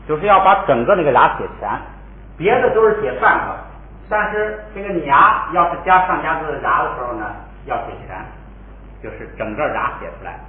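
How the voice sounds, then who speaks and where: A man gives a relaxed language lesson in a fairly high, lively voice, patiently explaining and repeating words for his students to say back. His voice comes through thin and phone-like, in an echoey room. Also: slight background noise. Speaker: Tibetan language teacher. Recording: echoey room over a tinny phone-like line.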